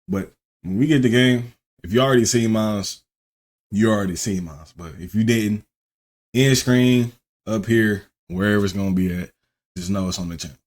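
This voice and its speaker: A man's voice: on the low side, normal speed, a little mellow. A man hosting a gaming channel, chatting casually in slangy, laid-back talk. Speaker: YouTube gaming channel host. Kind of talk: casual reaction commentary.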